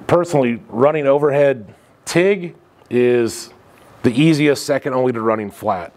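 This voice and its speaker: A welding instructor in his thirties talks casually through a demonstration in an indoor welding shop, loose and conversational with frequent fillers. His voice is mid-range and a little mellow.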